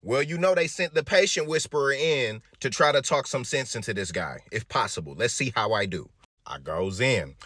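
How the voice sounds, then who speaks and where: A young adult man casually telling a story about his psych ward job, animated, slangy and joking. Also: mid-range voice, moderate pace, no room sound, clean studio sound.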